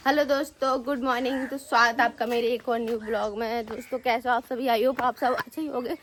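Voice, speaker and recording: A woman's voice: a little high, fairly even intonation, fairly quick, a bit bright, a little hiss or hum. Chatty young woman village vlogger. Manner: chatty, addresses viewers as friends. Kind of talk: casual vlog narration. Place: village home, rooftop and fields, outdoors.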